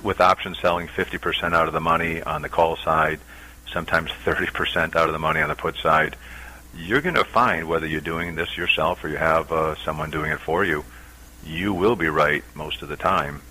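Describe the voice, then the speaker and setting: Very deep-voiced, bright-toned middle-aged man. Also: rough recording. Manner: explanatory, steady, frequent "uh" pauses. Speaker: guest, commodity options trader. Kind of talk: radio interview.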